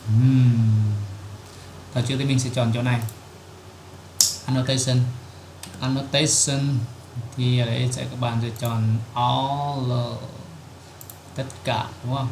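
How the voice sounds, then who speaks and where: A man talks through a computer tutorial one step at a time, in a level, even tone with little melody. He is recorded in an echoey room, and keyboard typing is clearly heard behind his voice. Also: mid-range voice, slow, long pauses, noisy background. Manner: step-by-step explaining, frequent "there" fillers. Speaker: tutorial host. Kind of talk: screen-recorded software tutorial.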